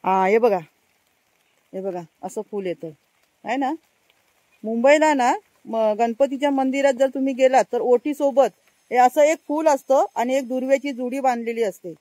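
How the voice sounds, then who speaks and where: A woman with a Konkan Marathi accent and a bright, high-pitched voice gives a casual walking tour of a village garden outdoors. She talks chattily into a handheld phone and keeps pointing things out to her viewers. The sound is dry and close, with little room echo. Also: normal speed. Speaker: vlogger. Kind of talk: casual walk-and-show garden vlog.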